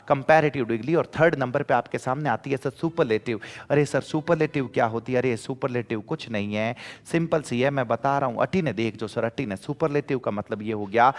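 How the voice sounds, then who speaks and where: A male teacher with a Rajasthani accent runs an exam-prep grammar lecture at a middle pitch. He voices his students' questions and answers each one himself, repeating every point in a drilling rhythm. His voice carries a long reverb, as in a large hall.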